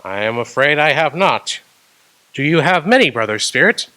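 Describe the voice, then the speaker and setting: An actor playing old Ebenezer Scrooge in a radio drama, startled and questioning. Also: male voice, on the high side, expressive, normal speed, pushed and bright, poor audio. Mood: wondering. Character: old miser Scrooge, male, wary and awed.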